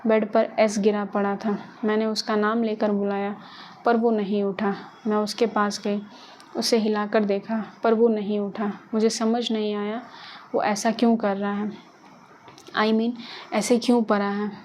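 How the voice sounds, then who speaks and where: A woman's voice: mid-range voice, flat delivery, unhurried, darkish tone, slight background noise, lightly acted. Woman doing a tearful frightened young woman. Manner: shaky, pleading.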